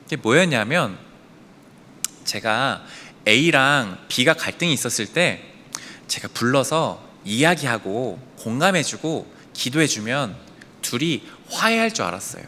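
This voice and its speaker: A man's voice: medium pitch, sing-song, a little slow, pushed and bright, slight background noise. A man preaching a sermon as pastor in a church, emphatic and full of rhetorical questions. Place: church sanctuary. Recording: reverberant church hall.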